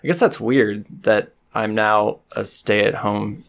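Speaking slowly in a fairly low, steady voice with vocal fry, a young man hosts a podcast as game master. His casual chat is enthusiastic and rambling, packed with fillers.

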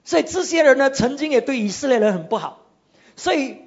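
Preacher retelling a scripture story, husky and animated, on muffled lo-fi audio. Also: sits high, a little fast. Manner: animated storytelling with frequent "ah" fillers. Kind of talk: sermon.

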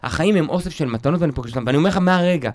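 Animated storytelling comedian, fairly high voice. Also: male voice, dry recording, clean studio sound. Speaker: stand-up comedian guest. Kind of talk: casual podcast chat.

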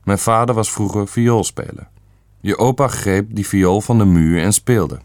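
A man's voice: fairly low pitch, unhurried, darkish tone, no echo, clean studio sound, lightly acted. Blunt elderly great-uncle, read by a man. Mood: stern. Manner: stern, matter-of-fact.

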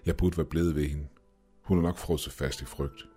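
A man reading a story aloud, voicing a nervy, complaining young male friend in his own deep voice. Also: steady tone, mellow, breathy edge, soft background music. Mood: uneasy.

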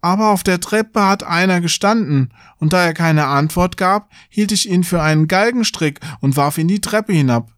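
A man voicing a naive, fearless young man in a fairy tale, speaking earnestly and a little higher than his own voice. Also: moderate pace, hardly any pauses, fairly bright tone, no echo, clean studio sound. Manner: earnest, plain-spoken.

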